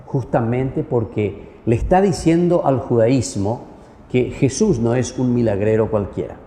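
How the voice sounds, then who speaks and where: A man's voice: mid-range voice, unhurried, warm tone, a little hiss or hum. A man, a priest, preaching a homily and leading Mass prayers in an earnest, solemn way, his voice carrying a cathedral echo. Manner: earnest preaching, solemn liturgical chant-like delivery. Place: large church. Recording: echoey church hall with long reverb.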